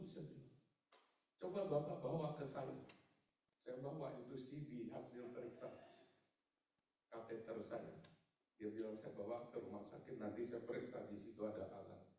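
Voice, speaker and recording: An older man preaches a sermon, his voice pitched high for a man. He tells a personal testimony, dropping low and then rising to loud exclamations. He sounds far from the mic in a very echoey church hall. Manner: emotional testimony, swings from quiet to loud exclamation. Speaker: pastor.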